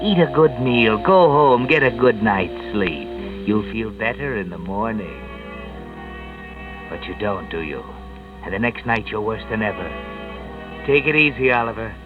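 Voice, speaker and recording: A man's voice: lowish voice, expressive, measured pace, pauses often, recorded from a distance. A mocking, omniscient male storyteller from an old radio thriller. His swooping delivery needles the listener with dry irony, as if speaking straight to a guilty man. It sounds muffled and vintage, with music underneath. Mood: sly, taunting. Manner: taunting, ironic, addressing the culprit directly. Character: mocking, omniscient, sinister narrator called the Whistler. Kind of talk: 1940s radio mystery narration.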